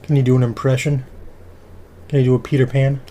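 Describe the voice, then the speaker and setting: A young man co-hosting a casual podcast, teasing and pushing with quick questions. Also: medium pitch, little pitch movement, mellow. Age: young adult. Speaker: podcast co-host. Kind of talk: casual chat.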